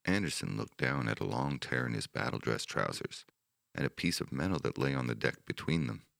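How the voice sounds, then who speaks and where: A man narrating a wartime history audiobook in a steady, measured manner. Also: rumbling low, gravelly, no room sound, clean studio sound.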